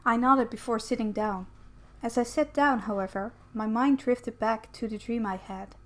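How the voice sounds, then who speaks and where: A woman's voice: fairly high pitch, moderate pace. Chatty Dutch woman reading a game aloud. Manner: chatty, laughs and comments between lines. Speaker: let's player. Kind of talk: reading a visual novel aloud.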